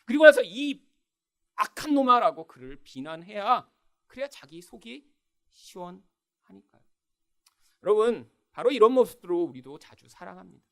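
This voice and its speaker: Brief: male church pastor, emphatic sermon delivery, full of rhetorical questions, lively pitch. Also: normal speed. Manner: emphatic, keeps addressing the congregation with rhetorical questions.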